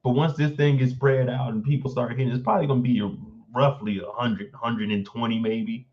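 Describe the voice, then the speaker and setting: A man's voice: medium pitch, steady tone, fairly quick, muffled recording. A man hosting a casual live stream, reading an article aloud and breaking off to react with blunt, informal asides.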